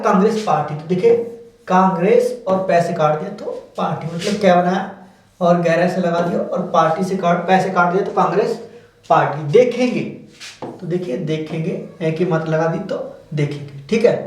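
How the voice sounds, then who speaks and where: High-voiced male teacher in echoey room. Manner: repetitive, patient, says "dekhiye" often. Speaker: shorthand teacher. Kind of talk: explaining lesson. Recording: very echoey room, distant mic, faint hiss.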